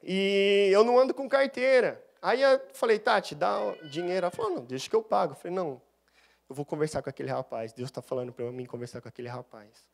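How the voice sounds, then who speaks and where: A man preaches in church, his voice sitting a little high for a man. He tells his testimony with lively storytelling and takes on the voices of the people in it. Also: quick pace, creaky. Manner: animated storyteller, acts out dialogue. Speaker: deacon preaching a sermon. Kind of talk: sermon with personal testimony.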